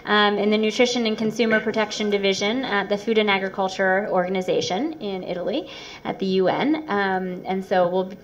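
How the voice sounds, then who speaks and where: A woman's voice: fairly even intonation, fairly quick, lo-fi sound. A woman chairing a conference session, thanking and introducing speakers. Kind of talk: moderating a conference panel. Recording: noisy recording with low rumble.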